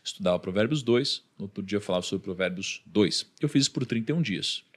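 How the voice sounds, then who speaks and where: A man's voice: fairly low pitch, quick pace, slightly rough. A man with a Brazilian accent, a podcast guest telling a personal story and acting out what others said. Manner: animated, acts out the voices of others in his story.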